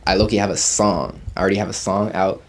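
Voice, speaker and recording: A deep-voiced, fast-talking Ugandan rapper in his twenties chats casually as an interview guest. Relaxed and slangy, he keeps dropping "you feel me."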